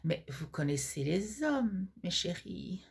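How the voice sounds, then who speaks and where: A woman playing a vain, flirty blonde Parisian cabaret star who confides gossip coyly in a theatrical comic sketch monologue, her voice husky. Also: fairly low pitch, sing-song, full character voice. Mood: saucy, mock-regretful. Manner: coy, confiding, theatrical drawn-out words.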